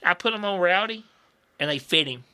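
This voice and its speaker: A playful co-host with a bright, sharp voice. Its pitch moves around a lot as it fires off teasing questions in easy chat. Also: expressive, brisk. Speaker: podcast co-host and card reader. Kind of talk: casual chat.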